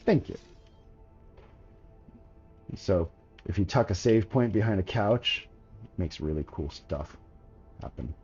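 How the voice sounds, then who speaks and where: A relaxed male streamer talks his way through a game in an unhurried, easygoing drawl, his voice low and mellow. The stream audio is a little dull and lo-fi, with faint game music underneath. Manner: laid-back, chatty, slangy, talks to chat. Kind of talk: casual gameplay commentary.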